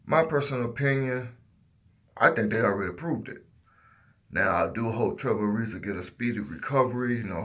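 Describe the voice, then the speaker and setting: A sleepy man hosting a casual sports livestream, giving his opinions while half asleep and groping for words as his train of thought drifts. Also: lowish voice. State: sleepy, half asleep after working all night.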